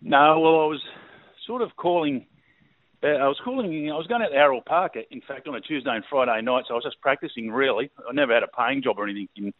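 A middle-aged Australian man talks quickly and at length, easygoing and rambling with plenty of fillers. His voice comes over a tinny phone line with a dry sound. His pitch sits at an ordinary middle level. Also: no room sound. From New South Wales, Australia. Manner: laid-back rambling storyteller, many fillers. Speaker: race caller, guest. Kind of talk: casual interview.

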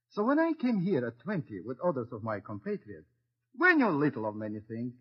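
On a muffled old radio broadcast, an earnest immigrant storyteller in a 1940s drama. His voice is very raspy and rather high, swinging dramatically as he recalls his village. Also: exaggerated voice.

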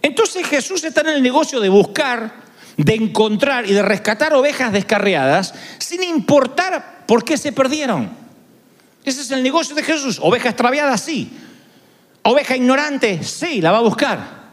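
A man's voice: very high voice, lively intonation, moderate pace. A male pastor preaching a sermon, acting out the words of the people he quotes. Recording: echoey hall with long reverb.

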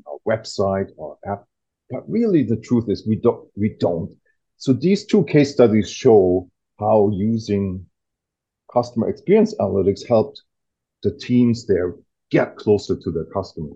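A man's voice: on the low side, mellow, breathy edge. A man explaining things with enthusiasm as a guest author in an interview. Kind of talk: casual interview talk. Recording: dull lo-fi audio.

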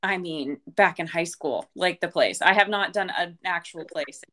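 A woman's voice: on the low side, normal speed, sharp tone. An American woman co-hosting a podcast, chatting casually with joking, self-deprecating banter. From Maine, USA. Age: adult, mother of young children. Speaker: podcast co-host. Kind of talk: casual chat.

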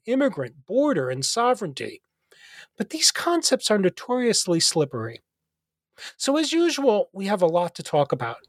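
Measured male podcast host, dry sound. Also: sits high, no room sound. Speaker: podcast host, philosophy professor. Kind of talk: scripted introduction then interview.

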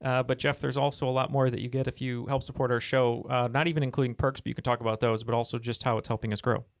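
A man's voice: mid-range voice, fast, dry recording. Man, podcast host, laid-back chatty delivery, dry close mic. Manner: relaxed, many fillers. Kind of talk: casual podcast chat.

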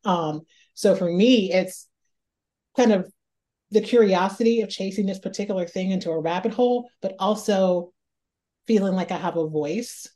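Warm and mid-range, this Northeast Ohio author's voice moves at a moderate pace. As a guest in a reflective interview about her writing life, she thinks out loud and tends to repeat words.

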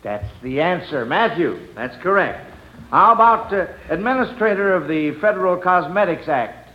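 Heard on a dull, noisy vintage radio recording, a quiz show host with a high, animated voice speaks at a moderate pace. He runs an old-time children's quiz, chuckling as he patiently prompts the young contestants.

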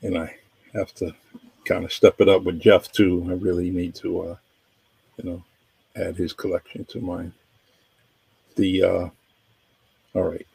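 Male podcast host, very low and gravelly, husky, coughing now and then, rambling and grateful, dry close sound. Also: little pitch movement, measured pace, long pauses, warm tone, no room sound, low-quality recording. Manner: rambling, appreciative, many fillers. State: nagging cough. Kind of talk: casual interview chat.

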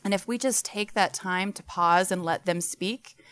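A woman's voice: on the low side, measured pace, fairly bright tone, smooth. A woman guest in an interview, talking with enthusiasm in long, loose explanations with plenty of fillers. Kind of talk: podcast interview answers.

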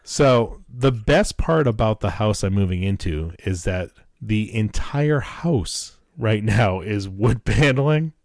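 A man's voice: lowish voice, lively intonation, slow pace, a little mellow, no echo, clean studio sound. A man hosting a podcast in casual chat, joking in a self-deprecating and sometimes profane way, recorded at home in a basement. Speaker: podcast host. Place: wood-paneled home basement.

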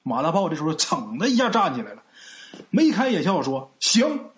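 A man's voice: on the high side, sing-song, fairly quick. A man telling a folk ghost story in a colloquial, chatty way with little asides. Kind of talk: folksy ghost-story narration.

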